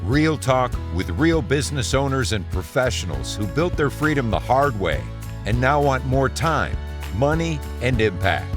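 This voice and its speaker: A man reading a scripted podcast intro in a smooth, polished way. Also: medium pitch, sing-song, measured pace. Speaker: show announcer. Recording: intro over clear guitar music.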